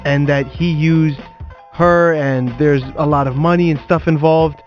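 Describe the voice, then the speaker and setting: A man with a somewhat high voice makes sarcastic jokes while talking sports. His delivery is casual and teasing. The recording sounds dull, with faint music behind him. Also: steady tone, measured pace. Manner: joking, sarcastic. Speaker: sports show co-host.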